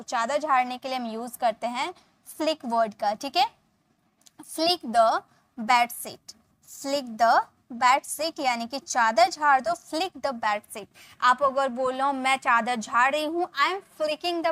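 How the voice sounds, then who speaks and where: Female English tutor for a video lesson, high voice, repeats key points, dry studio sound. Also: fairly bright tone, dry recording. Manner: explains in Hindi, slows down for English example sentences; repeats points, often adds "ठीक है" and "okay". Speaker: English teacher.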